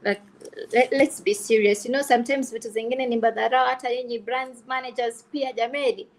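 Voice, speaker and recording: A woman's voice: fairly high pitch, steady tone, a little fast, rough recording. A Kenyan woman speaking candidly on a panel, emphatic and repeating phrases for stress, slipping between English and Swahili. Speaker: content creator on a panel.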